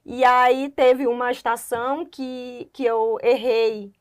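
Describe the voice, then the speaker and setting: A young woman doctor tells her story as a guest in a casual interview, animated and imitating the voices of the people she quotes. Her voice is on the high side and slow, and the sound is clean.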